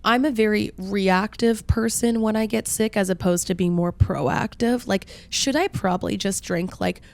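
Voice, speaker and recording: Woman, twenties, congested, nasal, mid pitch, casual podcast chat, gushing. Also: fairly even intonation, normal speed, gravelly, darkish tone. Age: 20s. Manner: gushing, chatty with "like" fillers. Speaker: podcast co-host.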